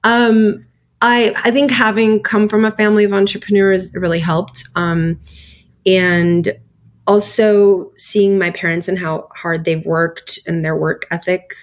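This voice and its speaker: A woman's voice: mid-range voice, level tone, measured pace. A woman guest on an interview, talking casually about her clothing brand in a rambling way, with lots of fillers and laughs.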